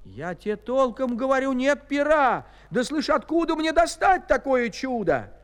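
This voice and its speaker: A man voicing Ivan, a simple young peasant lad in a fairy tale, protesting and pleading excitedly. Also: very high voice, unhurried, big-room sound, pitched above the performer's own voice, exaggerated voice.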